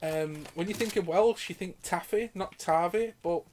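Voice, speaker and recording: Chatty man, somewhat high voice. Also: normal speed, darkish tone, slight background noise. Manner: casual, swearing, rambling, laughs often. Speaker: gaming channel host. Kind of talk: live gameplay commentary with Q&A.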